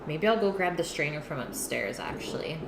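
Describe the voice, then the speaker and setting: A woman with a low, gravelly, sing-song voice talks fairly quickly while cooking on a livestream at home. She chats casually and answers viewers' messages, and her kitchen sounds echoey, with noise in the background.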